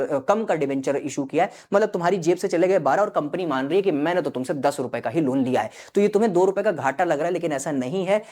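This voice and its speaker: This accountancy teacher's voice is fairly high and a little mellow. Delivering an online exam-prep lecture, he explains step by step, checks in with students often, and blends English terms into his speech.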